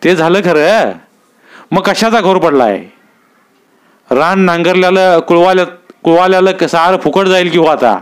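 Timid, worried farmer, put on by a male storyteller, higher-pitched and hesitant. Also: moderate pace, long pauses, clean tone, close to an everyday voice. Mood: anxious. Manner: hesitant rustic village speech.

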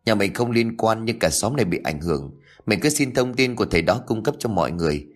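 A man's voice: fairly low pitch, expressive, quick pace. A man voicing an anxious young man lying in a hospital in an audio story. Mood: earnest. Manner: stammering, anxious. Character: frightened, nervous young man patient.

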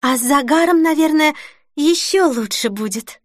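A woman reading an audiobook voices an excitable young bride-to-be who squeals and gushes. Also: high voice, normal speed, dry recording, clean studio sound, pitched above the performer's own voice, lightly acted. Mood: anxious. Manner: gushing, breathless exclamations.

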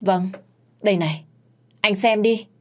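A woman's voice: mid-range voice, measured pace, darkish tone, pitched above the performer's own voice, natural voice. A woman voicing a protective aunt who speaks with urgent indignation. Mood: earnest. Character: caring aunt, a woman protective of her niece.

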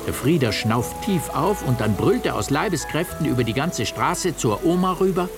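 A man narrating a children's radio story in an expressive storytelling manner. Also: mid-range voice, moderate pace, loud music behind the voice.

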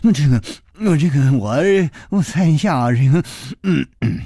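A man's voice: mid-range voice, lively intonation, a little slow, creaky, warm tone, slightly rough, no room sound, clean studio sound, full character voice. A man voicing a frightened young male Shaolin disciple who stammers nervously.

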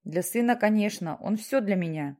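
A woman's voice: medium pitch, moderate pace, darkish tone, lightly acted. A woman voicing an anguished, desperate father who protests and pleads. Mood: troubled. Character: anguished middle-aged father, torn and desperate.

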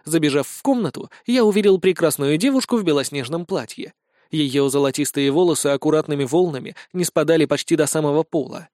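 A man narrating a comic fantasy audiobook with lively, brisk storytelling. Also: on the high side, dry recording, clean studio sound.

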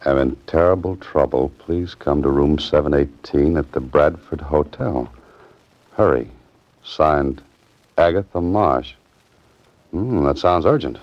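An actor playing a wry, laconic hard-boiled writer-adventurer in a 1940s radio drama. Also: male voice, very deep voice, measured pace. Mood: curious, dry. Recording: muffled old radio recording, loud music.

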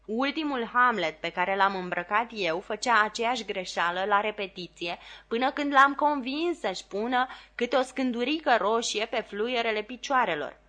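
A woman's voice: medium pitch, pushed and bright, pitched above the performer's own voice. A woman voicing a fussy, bossy male theatre dresser who lectures the actor he serves.

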